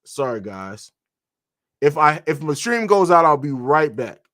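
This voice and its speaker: A man's voice: a little high, sing-song, measured pace, a bit bright, no room sound, clean studio sound. Casual man answering live-stream comments. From grew up in Italy and Germany. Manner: conversational, answers viewer comments with fillers. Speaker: podcast host.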